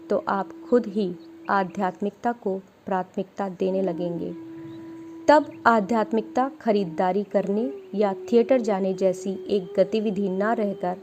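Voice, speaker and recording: A woman reading a spiritual talk as an audiobook, in a measured, reflective way. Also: medium pitch, noisy background. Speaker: audiobook reader.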